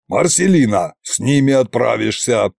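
A man voicing a stern old male tsar who barks curt orders slowly and deliberately. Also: medium pitch, animated, vocal fry, a little mellow, dry recording, clean studio sound. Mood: commanding.

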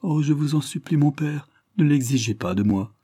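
A man's voice: medium pitch, moderate pace, dark tone, husky, dry recording, studio quality, natural voice. A man reading aloud, voicing a distressed young woman who begs her father through tears. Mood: imploring. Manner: tearful, imploring, voice raised.

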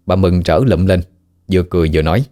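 A man with a Southern Vietnamese accent narrating a ghost story in a steady, measured way. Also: sits low, faint music behind.

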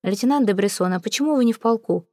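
A woman voicing a reserved young male aristocrat officer in an audiobook, speaking in a cold, measured way. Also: fairly high pitch, warm tone, dry recording, clean studio sound, natural voice. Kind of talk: audiobook character reading.

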